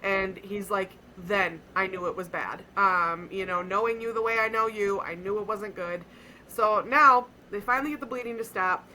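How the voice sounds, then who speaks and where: A young adult woman on a podcast, earnestly telling a personal story in a casual, animated way with frequent fillers. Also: mid-range voice, normal speed, slight background noise, rough recording. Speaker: podcast co-host.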